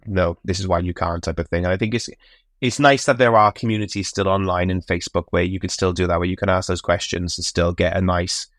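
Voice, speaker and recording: A man's voice: low-pitched, steady tone, brisk, fairly bright tone, no echo, studio quality. A man hosting a podcast, chatting casually and rambling with frequent fillers and restarts. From United Kingdom. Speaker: podcast host and cruise travel agent.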